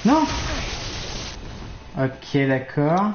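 A man giving live commentary on his gameplay, excitable, swearing and laughing often. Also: a little high, drawn-out words. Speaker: streamer playing a video game. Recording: echoey lo-fi stream audio with game noise.

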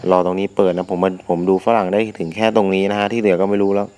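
A man's voice: low-pitched, racing, slight background noise. A young man with a sore throat hosting his gaming channel, commenting casually and crudely as he plays, often talking to himself. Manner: crude, excitable, talks to himself while playing. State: sore throat, can't shout.

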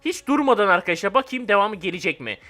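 Talking fast in a high-pitched voice, this young gaming-channel host gives live commentary as he plays. One moment he's shouting with hype, the next he's quietly muttering to himself.

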